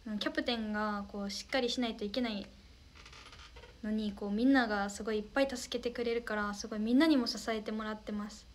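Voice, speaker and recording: A woman's voice: mid-range voice, steady tone, fast, a little hiss or hum. A young woman hosting a casual livestream, reading viewer comments aloud in a bubbly, polite way and thanking them often. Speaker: idol livestream host.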